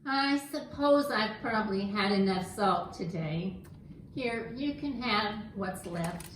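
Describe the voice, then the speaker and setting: A woman's voice: mid-range voice, takes it slowly, background noise, natural voice. A woman voicing a naive, snack-loving male puppet in a church skit, earnest and literal-minded. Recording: echoey room.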